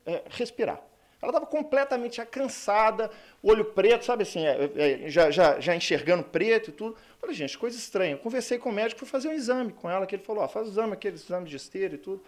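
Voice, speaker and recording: A man, a lawyer from Brazil, giving a chatty, self-mocking conference talk with many fillers in a conference hall. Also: sits high.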